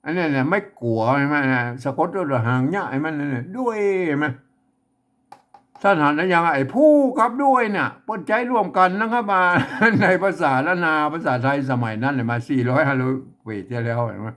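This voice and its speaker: A man teaches how to read an old script. His voice sits fairly high and swings widely as he sounds out each word several times. He chuckles often between words. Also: very animated, brisk, fairly bright tone. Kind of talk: casual reading lesson.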